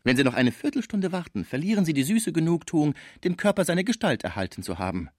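A man voicing a pushy young embalming salesman who delivers an eager, urgent sales pitch. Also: very animated, quick pace, no room sound, clean studio sound.

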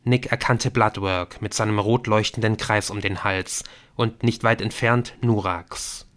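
A man narrating a German audiobook in a steady storytelling manner. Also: on the low side, unhurried. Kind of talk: scripted narration.

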